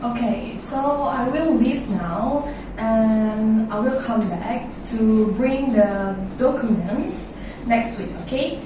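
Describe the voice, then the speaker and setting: A woman's voice: fairly high pitch, slow, few pauses. A woman playing a cooperative mortgage customer in an amateur role-play, giving brief, agreeable replies. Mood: calm, agreeable. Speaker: bank customer. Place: echoey indoor room, far mic. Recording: echoey room, distant mic, noisy.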